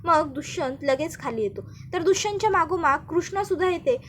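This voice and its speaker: High-voiced woman narrating a story recap. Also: lively intonation, brisk, slight background noise. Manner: plain, running narration.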